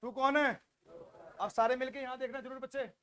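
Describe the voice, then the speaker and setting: A man from India with an Indian accent teaching a class, drilling students loudly and repeating questions for them to answer back. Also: very high voice, steady tone, brisk, slight background noise. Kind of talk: classroom lecture with call-and-response drilling.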